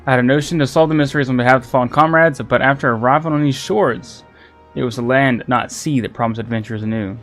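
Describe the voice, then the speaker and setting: A swaggering old sea captain spinning a yarn in a pirate drawl, as a man puts him on while reading game dialogue. His pitch rides a little above his usual talk. Faint game music plays behind him. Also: quick pace, a bit bright, lightly acted. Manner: reads the lines aloud, stumbling on names. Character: seafaring male explorer captain with a pirate drawl.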